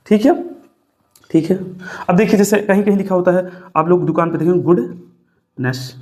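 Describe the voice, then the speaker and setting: At normal speed, a man with a high-sitting but dark-toned voice teaches English grammar classroom-style, mixing in English terms. He's repetitive and coaxing, addressing viewers as brother and sir, dictating notes, and urging them to write things down while quizzing them repeatedly.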